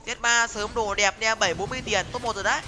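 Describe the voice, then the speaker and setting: A young man giving excited live commentary on his game, talking to viewers and repeating words in quick bursts. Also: high-pitched. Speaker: game streamer. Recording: music playing behind voice.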